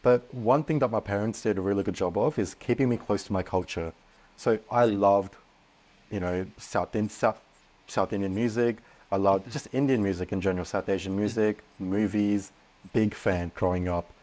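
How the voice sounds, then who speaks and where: A young man speaking as a podcast guest, earnest and animated, often restarting his sentences. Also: on the low side, moderate pace. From Australia. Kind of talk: casual podcast interview.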